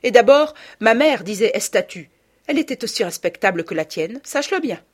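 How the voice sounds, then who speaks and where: A woman's voice: a little high, expressive, fairly quick, voice pushed up. A woman reading a storybook, voicing a proud, quarrelsome provincial mother who scolds indignantly. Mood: defiant.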